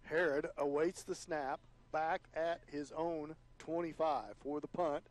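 A man calling high school football play-by-play on the radio, his voice climbing higher and louder on big plays. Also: fairly even intonation, a little slow. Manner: rises in pitch and volume on big plays. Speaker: play-by-play announcer.

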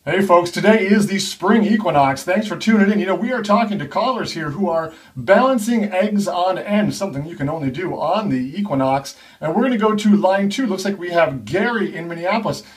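A man putting on the voice of a smooth-talking male radio DJ who takes calls from listeners with upbeat on-air patter. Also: high voice, animated, fairly quick, hardly any pauses, recorded from a distance. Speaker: science video host.

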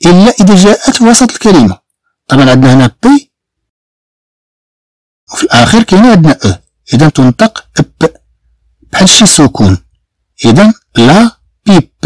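Moroccan man drilling pronunciation, lively pitch. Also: no room sound. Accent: Moroccan Arabic. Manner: slow, repeats each word several times to drill pronunciation. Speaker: French teacher. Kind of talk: beginner language lesson.

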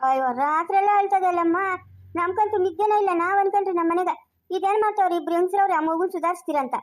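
Her voice pitched very high and her pace quick, a woman acts out a fretful, quarrelsome villager for a homemade family drama. She scolds, exclaims and asks the same questions again in a rural Chikkaballapur Kannada accent.

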